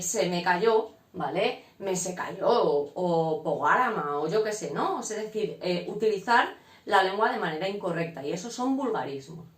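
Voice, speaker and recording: A woman, giving a casual classroom lesson to students. Her voice sits at a middle pitch, and she keeps stopping to check that they follow with quick questions. The sound bounces around an echoey room. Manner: frequent "¿vale?" check-ins, explanatory. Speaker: teacher.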